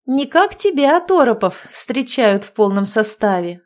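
A woman's voice: fairly high pitch, big pitch swings, measured pace, voice pushed up. A woman reading an audiobook, voicing a blunt, exasperated young woman who scolds. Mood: scolding.

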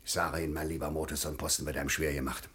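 A man's voice: a bass voice, little pitch movement, racing, fairly bright tone. A man playing a pompous, bullying village magistrate in a classic radio play. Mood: weary grumbling. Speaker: official questioning villagers.

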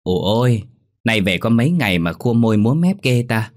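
A man's voice: lowish voice, sing-song, fairly quick, pitched above the performer's own voice. A man voicing a playful, teasing young girl who is secretly a ghost. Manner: playful, coy.

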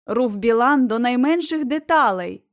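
Higher-voiced woman reading a storybook. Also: expressive, measured pace, no echo, studio quality. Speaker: audiobook narrator. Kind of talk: scripted storybook narration.

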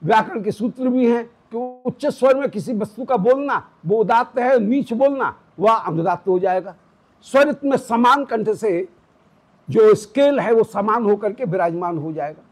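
A man's voice: high-pitched, normal speed, low-quality recording. A man giving a devotional scripture discourse, explaining Vedic pronunciation step by step. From South India roots. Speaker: religious teacher.

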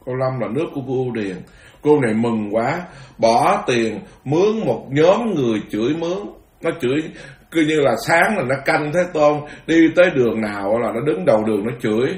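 Animated monk preaching. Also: male voice, medium pitch, moderate pace. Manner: animated, laughing asides. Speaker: Buddhist monk. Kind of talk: dharma talk storytelling. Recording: roomy echo.

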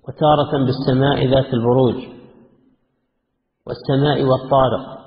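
A man giving a religious lesson, reading quoted passages from a classical text and explaining them in a measured way. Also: medium pitch, steady tone. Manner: measured, reads quoted passages then comments. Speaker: Islamic scholar teaching a text. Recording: echoey hall, tinny phone-like lo-fi audio.

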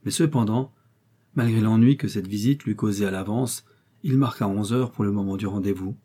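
A man reading a classic novel aloud as an audiobook narrator, in a measured, expressive way. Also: fairly low pitch, husky.

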